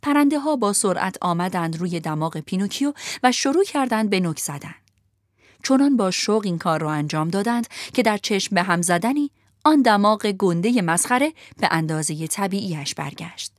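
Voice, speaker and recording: Woman reading a kids story, soft expressive, dry close sound. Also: medium pitch, dry recording. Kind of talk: storybook narration.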